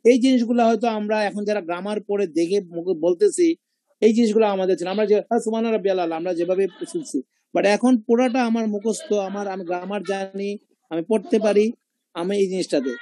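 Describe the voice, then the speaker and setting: High mellow guy teaching quran pronunciation on a video call, repeats the sounds. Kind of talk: online class discussion.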